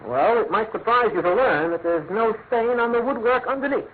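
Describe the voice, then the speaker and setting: An actor playing a smug, blustering police inspector in a classic radio drama, emphatic and officious. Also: male voice, sits high, animated, moderate pace. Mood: smug, puzzled. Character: blustering, self-satisfied male police inspector. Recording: tinny, narrow-band old radio, noisy.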